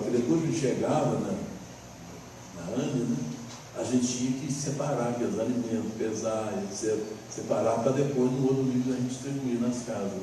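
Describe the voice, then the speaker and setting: A spiritist lecture comes from a middle-aged Brazilian Portuguese–accented man with a mellow, medium-pitched voice. He keeps his manner folksy and often finishes with a tag question. The audio has a little hiss or hum and sounds like a roomy, distant hall recording.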